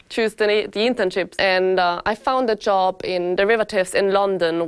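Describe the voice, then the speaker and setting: A 25-year-old woman from Austria, giving an earnest student testimonial and pausing to rephrase. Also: medium pitch, smooth, no echo. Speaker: master's student.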